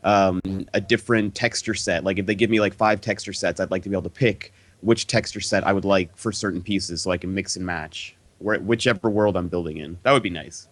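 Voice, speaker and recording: A man's voice: low voice, fairly even intonation, a little fast, hardly any pauses, no room sound. A man co-hosting a podcast in loose casual chat, full of fillers and easy swearing. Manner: loose, filler-heavy, laid-back swearing. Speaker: podcast co-host. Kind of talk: casual chat over a Skype call.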